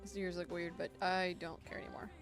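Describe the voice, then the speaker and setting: A woman's voice: fairly low pitch, level tone, brisk, faint music behind. A woman in her twenties, a bit congested, chatting casually and playfully while answering viewer questions on a livestream from a home desk mic. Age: 20s. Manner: chatty, playful, self-mocking. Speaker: artist streaming a Q&A. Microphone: desktop mic.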